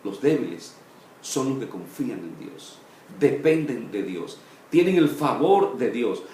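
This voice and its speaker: Animated Spanish-speaking pastor teaching. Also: male voice, reverberant, a little hiss or hum. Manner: pauses, "eh" fillers, phrases rising then dropping low and soft. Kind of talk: Bible study sermon.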